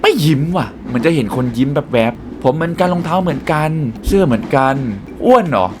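A young man hosting a gaming channel, excitedly commenting on a puzzle game and talking to his viewers. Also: a little high, fast, noisy background. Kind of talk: let's play commentary.

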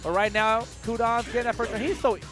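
A man's voice: very high voice, fairly even intonation, fast, over music. A man commentating a fighting game tournament over a headset, joking and laughing a lot. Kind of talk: esports commentary.

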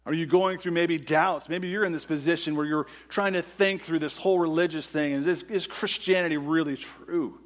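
A man's voice: a little high, steady tone, normal speed, few pauses. A man preaching a sermon in a church, reading scripture and asking the congregation earnest rhetorical questions. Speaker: pastor. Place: church sanctuary.

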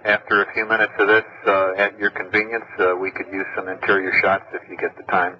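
A man's voice: sits low, completely flat delivery, brisk. A man at mission control talking in clipped radio procedure, heard over a crackly, breaking-up space radio link. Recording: distant muffled radio with loud static.

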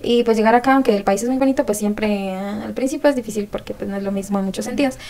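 A woman's voice: medium pitch, quick pace, a little mellow. A young woman from Colombia with a Colombian accent, chatting casually as an exchange-student guest in an interview. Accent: Colombian, not paisa. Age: young adult.

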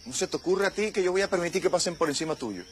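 An actor playing a sly middle-aged family patriarch who coaxes and dodges, in a telenovela scene with music underneath. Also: male voice, sits high, lively intonation, racing, a little hiss or hum. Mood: placating. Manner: smooth-talking, coaxing, evasive. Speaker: father. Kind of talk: telenovela acting.

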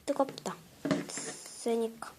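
A young woman chatting casually through a step-by-step craft tutorial at home, often dropping into soft whispers as she works. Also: a little high, steady tone, extremely slow, heavy background noise. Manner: chatty, drops to soft whispers while working. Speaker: craft vlogger.

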